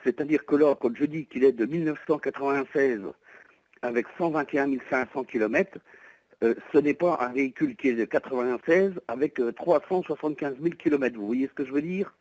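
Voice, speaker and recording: This man is selling his used van himself, talking on the telephone from home. His mid-range voice is brisk and darkish, with no room sound, but the audio is poor, and he explains things hesitantly, politely and at length.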